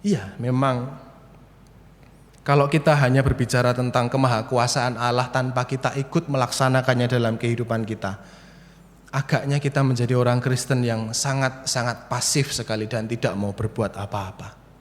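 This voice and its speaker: A man's voice: medium pitch, fairly even intonation, normal speed. A young male preacher giving a sermon, chatty and storytelling, talking to the congregation at home. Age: young adult. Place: church, streamed to people at home. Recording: reverberant church hall.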